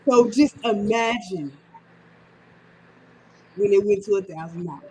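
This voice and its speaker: A woman in her thirties talks casually on a sports show at a middle pitch. She rants with emphatic repetition, hammering each point more than once. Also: a little slow, darkish tone, a little hiss or hum, rough recording. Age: 30s. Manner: chatty, ranting with emphatic repetition.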